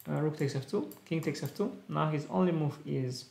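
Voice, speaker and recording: Solving puzzles on a live stream from a small indoor room, this young chess streamer talks casually in clipped bursts, his English carrying a Russian tinge. His pitch is fairly high yet his tone is dark, with vocal fry and a moderate pace. The audio has a roomy quality.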